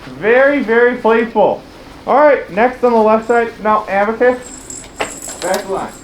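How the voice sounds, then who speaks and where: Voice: mid-range voice, lively intonation, measured pace. Playful convention panel host in an echoey room. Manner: playful, teasing, calls out to people on stage. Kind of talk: convention panel talk to a live audience. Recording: echoey room, faint noise.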